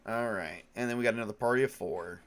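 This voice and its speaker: A man with a lowish voice talks fast, sounding stuffed up from a cold. Acting as a tabletop game master on a stream, he chats casually and rambles with plenty of ums and restarts.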